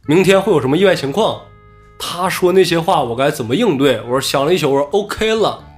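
A man casually telling a story from his own life on a podcast, animated and acting out what others said. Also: fairly high pitch, brisk, soft background music. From Inner Mongolia.

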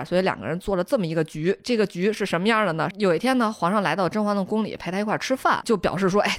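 A woman hosting a podcast, retelling a TV drama's plot in a casual, lively way and acting out the characters' lines with a northern style lilt. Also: medium pitch, no echo, studio quality. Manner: animated storyteller, acting out dialogue lines. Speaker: podcast host.

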